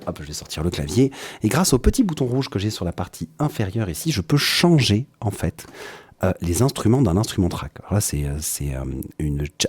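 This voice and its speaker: A French man talks through his music gear in a live-stream tutorial, pausing often and dropping quick interjections as he clicks through settings. His voice sits a bit low and sounds mellow. The recording is dry and close. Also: slightly rough, dry recording. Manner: explanatory, with frequent hesitations and "hop" interjections. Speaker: music producer demonstrating his live setup.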